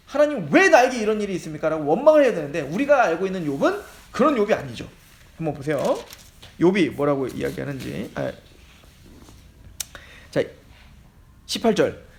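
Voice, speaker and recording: A male pastor giving a lively sermon, acting out the dialogue of the story he tells. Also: high-pitched, normal speed, long pauses. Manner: animated storytelling, acting out dialogue between God and Satan. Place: church sanctuary. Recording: echoey church hall.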